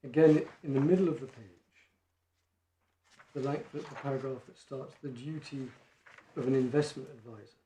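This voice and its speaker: A barrister making a measured legal argument in court, reading quoted passages from judgments. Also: male voice, medium pitch, warm tone. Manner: measured, reads quotations from case law. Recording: echoey courtroom, faint noise.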